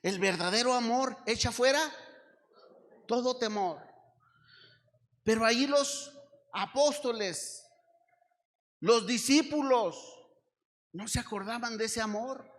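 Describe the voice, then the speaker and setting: A Mexican man preaches in a high, bright, ringing voice. He takes his time and asks the congregation question after question, hammering each point home. His voice carries through an echoey church hall. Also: slow pace, pauses often. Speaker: pastor. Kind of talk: sermon. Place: church service.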